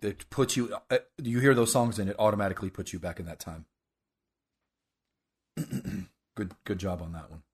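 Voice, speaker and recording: Lowish guy on a podcast, chatty and into it, kinda halting. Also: fairly even intonation, darkish tone, slightly rough. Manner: halting, enthusiastic. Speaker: podcast host. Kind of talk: casual TV discussion podcast.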